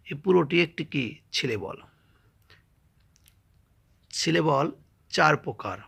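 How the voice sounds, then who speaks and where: Bangladeshi male teacher, gravelly, fairly high voice, drawn-out syllables for a lesson. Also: fairly bright tone. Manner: slow, spells words out syllable by syllable. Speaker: English teacher. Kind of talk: grammar lesson.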